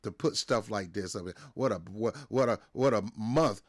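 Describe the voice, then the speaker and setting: A US-born wrestling show host airs his opinions to camera in a casual, emphatic rant, speaking on the low side at normal speed. He keeps repeating points and stumbles, restarting what he says.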